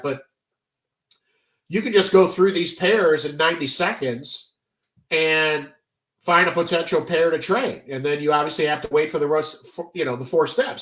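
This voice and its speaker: A trading educator with a slightly high, somewhat bright voice sounds stuffy and congested as he gives a casual screen-share tutorial. He's chatty, with lots of fillers and stop-start phrasing, recorded on a distant mic in an echoey room.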